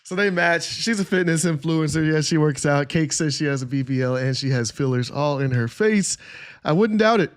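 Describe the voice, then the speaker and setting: A man's voice: fairly high pitch, moderate pace. A man streaming his reactions, talking in a casual, rambling way full of "like". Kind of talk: reaction commentary.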